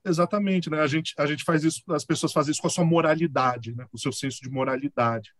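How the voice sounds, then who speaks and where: A man with a Brazilian accent, a guest in a casual conversation, telling stories in a lively way with frequent chuckles and tag questions. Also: fairly high pitch, fast, no room sound, clean studio sound. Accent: Brazilian Portuguese. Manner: animated storyteller, chuckles often, many filler tags.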